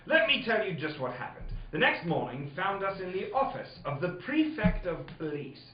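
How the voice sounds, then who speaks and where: A man playing an anxious, loyal gentleman doctor in a comic old-time radio drama, narrating theatrically. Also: sits high, sing-song, moderate pace, reverberant, highs cut off. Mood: storytelling.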